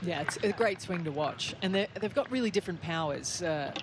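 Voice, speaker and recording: Male golf commentator, slightly high voice, outdoor noise. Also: lively intonation, a little fast. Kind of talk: conversational golf commentary and analysis. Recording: clear outdoor background noise.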